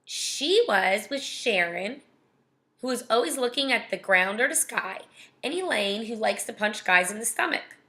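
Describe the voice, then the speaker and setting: A woman's voice: on the high side, animated, unhurried, a bit bright. A young woman casually reading a children's novel aloud, breaking off to chat and comment. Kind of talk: casual read-aloud with asides.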